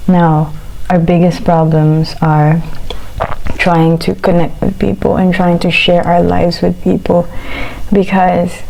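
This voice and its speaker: Woman, reflective casual chat, chewing while talking, very even intonation, unhurried halting delivery. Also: on the low side, gravelly, slight background noise, rough recording. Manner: halting, pausing between short phrases. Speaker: vlogger.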